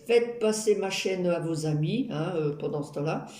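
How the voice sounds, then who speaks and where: A woman's voice: fairly low pitch, expressive, normal speed, warm tone. A woman chatting casually and ramblingly to her viewers while she crafts, with playful asides. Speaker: YouTube craft vlogger. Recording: roomy echo, noisy background with clicks.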